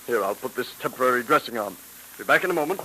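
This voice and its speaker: An actor in old radio drama style playing a brisk, matter-of-fact police department expert. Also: male voice, mid-range voice, expressive, sharp tone, a little hiss or hum, low-quality recording. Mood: businesslike. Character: businesslike police helpers, doctor and ballistics expert. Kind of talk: 1940s radio drama acting. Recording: vintage radio recording.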